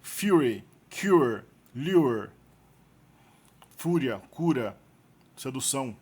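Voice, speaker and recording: A man with a Brazilian Portuguese accent teaching a recorded lesson, explaining slowly and deliberately and repeating each example word. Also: medium pitch, lively intonation, darkish tone, slightly rough. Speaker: language teacher.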